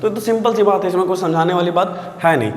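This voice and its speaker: Male physics tutor, high voice, echoey room with long reverb. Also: fast talker. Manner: constantly checks understanding, repeating phrases, addresses viewers as sir. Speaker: physics teacher. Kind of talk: classroom physics lesson.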